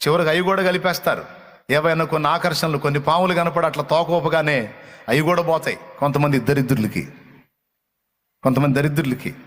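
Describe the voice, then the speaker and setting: Forceful high-voiced pastor preaching in reverberant hall. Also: male voice, fairly quick. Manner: forceful scolding preaching with repetition. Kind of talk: sermon.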